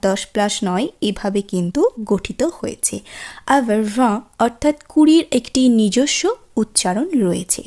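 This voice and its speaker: A woman's voice: sits high, a little mellow. A woman teaching a language lesson, patiently repeating each word for learners to echo. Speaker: French teacher. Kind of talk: slow, clear language lesson.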